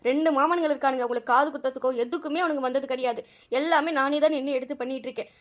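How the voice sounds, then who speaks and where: A woman's voice: sits high, fairly even intonation, very fast, close to an everyday voice. A woman voicing a sorrowful old village grandmother who talks in a plaintive, complaining way.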